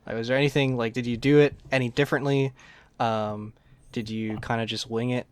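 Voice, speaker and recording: Man, mid-pitched voice, casual host, informal halting phrasing, dry sound. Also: steady tone, clean tone, no echo. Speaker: podcast host interviewing a fellow player. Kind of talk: casual chat.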